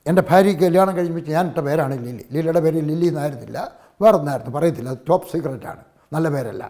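An older pastor from Kerala with a Malayalam accent, preaching in a fairly high voice. He tells stories, repeating phrases and moving from ringing appeals to near-whispered lines. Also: racing. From Kerala, India. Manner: storytelling preacher, swings from loud to hushed, repeats phrases. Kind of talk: sermon.

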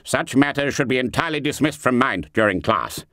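A man's voice: mid-range voice, animated, a little fast, a bit bright, no room sound, clean studio sound, voice pushed up, lightly acted. A man voicing a stern, wrathful schoolmaster who speaks in clipped, biting phrases. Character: stern older male form master, wrathful.

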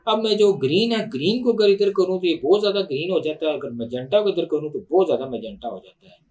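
Man, Pakistani Urdu accent, fairly high voice, tutorial instructor, unhurried, thinks aloud. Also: lively intonation, darkish tone. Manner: unhurried, thinking aloud with many fillers and restarts. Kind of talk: screen-recorded tutorial explanation.

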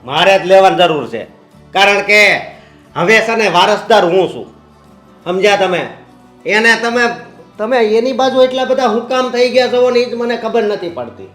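A man's voice: high-pitched, animated, normal speed, fairly bright tone, soft background music. A quarrelsome son hungry for his inheritance, as an actor plays him. He argues, and the echoey room rings around his pressing tag questions. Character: grasping son and heir, quarrelsome.

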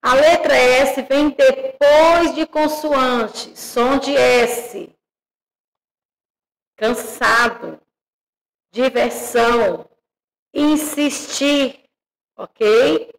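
A woman teacher giving an online grammar lesson to young children, speaking slowly and clearly and calling them affectionate names. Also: high voice, long reverb tail, rough recording. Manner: slow and clearly articulated; warm, addresses children as "my loves". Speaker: primary school teacher.

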